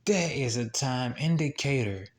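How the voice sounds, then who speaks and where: A man's voice: mid-range voice, animated. A man preaching a scripture teaching, repeating himself and throwing out rhetorical questions as he goes. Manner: repetitive, asks rhetorical "what?" questions; halting, many restarts and fillers.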